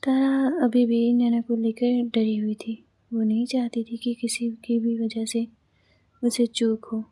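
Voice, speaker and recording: A woman reads a story aloud in a plain, steady way, stumbling and restarting now and then. Her voice sits a little high and sounds soft and mellow, with very little rise and fall. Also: takes it slowly, husky. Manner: plain, even reading with small restarts. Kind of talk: read-aloud story narration.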